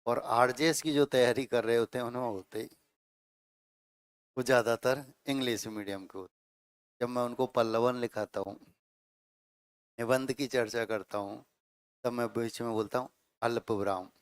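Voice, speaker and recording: A middle-aged man teaching Hindi grammar to a class, explaining slowly, repeating phrases and checking in with his students. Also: medium pitch, fairly even intonation, clean tone, no echo. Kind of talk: classroom lecture.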